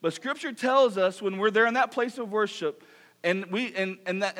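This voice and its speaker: Pastor type, middle-aged man, high voice, lively preaching with jokey asides. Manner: lively preaching, reads Scripture, mock-apologizes in funny voices. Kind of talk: sermon.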